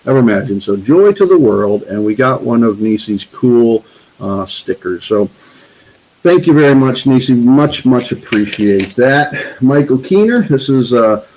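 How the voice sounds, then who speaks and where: This Northeast Florida homesteading host speaks a little slowly, with a medium-pitched, darkish voice and lively intonation, over slight background noise in a dull lo-fi recording. On his livestream he reads holiday cards and chats casually, rambling with many fillers and restarts.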